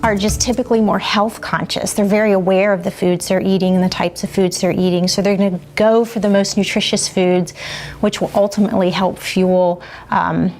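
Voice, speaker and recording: Woman, nutrition expert type, gravelly edge, measured and informative. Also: medium pitch, fairly even intonation, a little mellow. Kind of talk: explanatory documentary interview.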